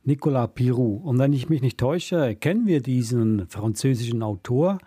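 Man, host, brisk and orderly, dark husky voice, dry close sound. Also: mid-range voice, animated, no room sound. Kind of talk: radio-style interview.

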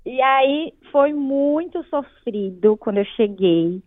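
A woman's voice: high-pitched, animated, slow pace, no room sound. Brazilian mother on a tinny line. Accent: Brazilian Portuguese. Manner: open and heartfelt, often quotes herself aloud. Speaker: interviewee, mother living abroad. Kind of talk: personal interview. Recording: tinny phone-like line, dry.

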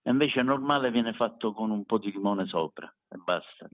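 Deep-voiced Sicilian man in an echoey room. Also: animated, normal speed. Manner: emphatic, repeats words for emphasis. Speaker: street food cook, interview guest. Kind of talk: casual conversational interview. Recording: echoey room, dull lo-fi sound.

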